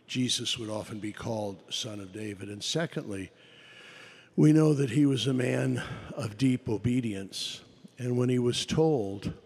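A man's voice: on the low side, vocal fry, slightly rough. A man preaching a homily in a conversational, explanatory way, checking in with rhetorical questions. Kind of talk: conversational sermon.

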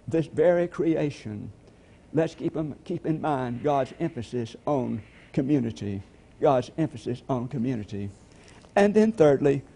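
A man preaching a sermon, with slow, emphatic repetitions. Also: mid-range voice, vocal fry, mellow. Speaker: pastor.

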